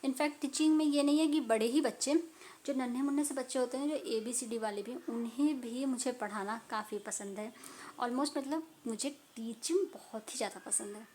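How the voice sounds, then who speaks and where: A woman's voice: on the high side, moderate pace, darkish tone, slight background noise. A woman tutor talking casually to viewers while reviewing a medical book, chatty and teacherly, recorded on a phone at home. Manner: chatty, teacherly, laughs and apologizes often.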